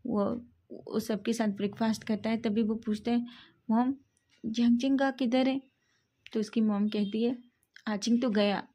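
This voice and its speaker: Woman narrating a fan story, mellow voice. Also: mid-range voice. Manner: reads character lines in her own voice, sometimes louder. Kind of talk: casual fan-fiction narration.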